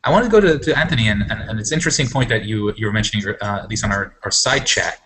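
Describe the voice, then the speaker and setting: A man from Syria hosting an online panel, talking in a halting way with many restarts. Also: fairly low pitch, fairly bright tone, a little hiss or hum. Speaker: host of an online panel discussion. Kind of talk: casual live video discussion.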